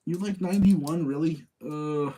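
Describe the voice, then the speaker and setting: Speaking unhurriedly in a slightly high voice with a dark tone, this man hosts a live show ranking video game movies. He talks to listeners casually, giving his opinions openly.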